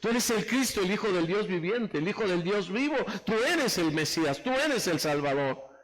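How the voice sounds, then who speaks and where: A pastor preaching an emphatic sermon, calling on the congregation to raise hands and repeat phrases after him. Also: male voice, high-pitched, lively intonation, moderate pace, fairly bright tone, a little hiss or hum, rough recording.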